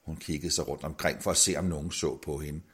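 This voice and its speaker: A man narrating a fairy tale with expressive, sweeping intonation. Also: a bass voice, breathy edge. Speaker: storyteller.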